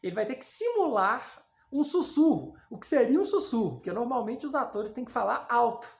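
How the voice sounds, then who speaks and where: Lively woman teaching in an echoey room. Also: fairly high pitch, a little fast, creaky. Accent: Brazilian Portuguese. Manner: lively and conversational, many fillers and check-ins with students. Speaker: literature teacher. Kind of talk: recorded online class lecture.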